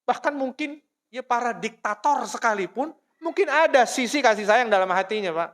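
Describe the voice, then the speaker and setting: Male mosque lecturer from Indonesia, high bright voice, chatty storytelling delivery. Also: animated, moderate pace. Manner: storytelling, addresses listeners as "Pak", frequent "ya". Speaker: preacher.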